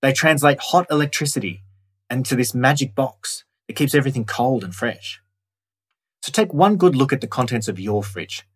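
A man with a slightly husky, mid-range voice narrates a scripted audio guide, addressing the listener directly with instructions. His delivery is conversational and animated, at a normal speed.

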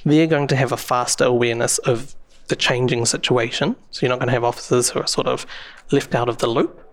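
A public safety software expert with a New Zealand accent answers interview questions as a guest, explaining things with lots of fillers and restarts. His voice is medium in pitch and his pace fairly quick.

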